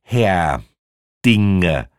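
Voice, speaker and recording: A woman's voice: rumbling low, big pitch swings, very slow, a little mellow, clear, resonant tone, no echo, studio quality, exaggerated voice. A man voicing a relentless, bigoted female ticket inspector who rattles off questions in a clipped, accusatory way. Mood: officious.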